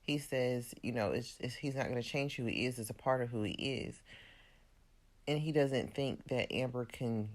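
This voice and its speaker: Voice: medium pitch, moderate pace. A chatty recap host retelling a reality TV episode in a casual, opinionated way, full of "like" and "you know". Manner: loose, conversational with frequent "like" and "you know".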